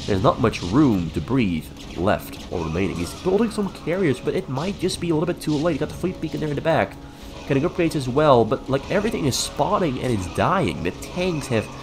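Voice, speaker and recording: A man with a stuffy, flu-ridden nose commentating a game as an esports caster, calling the play in short clipped phrases. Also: mid-range voice.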